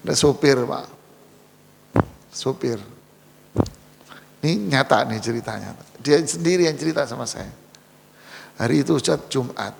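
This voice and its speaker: A man preaching a storytelling sermon in a mosque hall, lively and acting out the people in his stories. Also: mid-range voice, a little slow, gravelly, long pauses, slight background noise. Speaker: Islamic preacher. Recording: reverberant hall.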